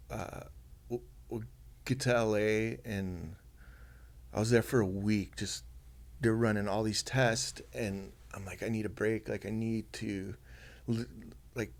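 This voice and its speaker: A man talks through a personal story on a podcast. His voice sits low and gravelly. He speaks softly and haltingly, with plenty of fillers and restarts. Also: fairly even intonation. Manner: soft-spoken, halting, many fillers and restarts. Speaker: podcast guest.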